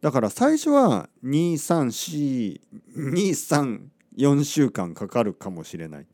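Male podcaster, casual anecdote teller, warm dark voice, acts out the people he quotes, leaves almost no room sound. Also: mid-range voice, slow pace, no echo, clean studio sound. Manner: animated, acts out quotes, asks listeners rhetorical questions. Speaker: podcast host. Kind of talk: casual storytelling monologue.

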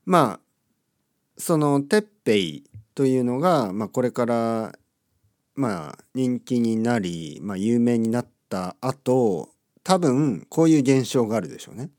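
A man's voice: mid-range voice, lively intonation, unhurried, darkish tone, no echo, clean studio sound. A middle-aged man talking casually in a playful, amused monologue. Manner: chatty, playful, amused asides.

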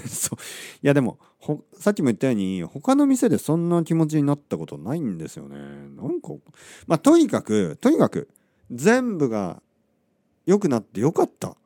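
Male podcaster, casual anecdote teller, warm dark voice, acts out the people he quotes, leaves almost no room sound. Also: a little high, moderate pace, no echo, studio quality. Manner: animated, acts out quotes, asks listeners rhetorical questions. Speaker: podcast host. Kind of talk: casual storytelling monologue.

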